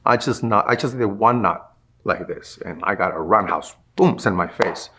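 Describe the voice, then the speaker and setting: A man's voice: lowish voice, moderate pace, bright, forceful tone, slight background noise. A middle-aged man, a martial arts instructor, recounts a personal story in an interview and acts out the people he quotes.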